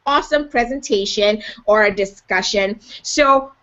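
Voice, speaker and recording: A woman's voice: mid-range voice, measured pace, a bit bright. A woman from Malaysia hosting a live online show, upbeat and chatty with lots of "you know" fillers, over a video call. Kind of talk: live webcast chat. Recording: dull lo-fi video call audio.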